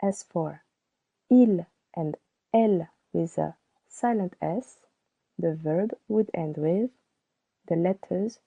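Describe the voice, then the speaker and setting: A woman teaching a slow pronunciation lesson, spelling out letters and repeating each word. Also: fairly low pitch, vocal fry, warm tone. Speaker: French teacher. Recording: tinny phone-like sound.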